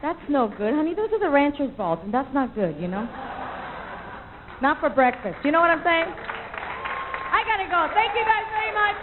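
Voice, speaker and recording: A high-voiced woman doing stand-up comedy, her voice swooping up and down as she tells her jokes. She talks in a chatty, animated way and drops into playful little voices. The sound is thin and tinny, like an old taped broadcast. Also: normal speed, pauses often, a crowd in the background, noisy background. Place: comedy club stage. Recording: lo-fi VHS tape recording.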